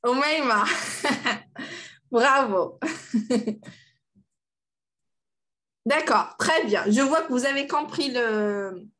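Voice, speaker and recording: A woman's voice: high-pitched, extremely slow, pauses often, fairly bright tone. A woman teaching French in an online class over a video call, playful and encouraging, laughing often.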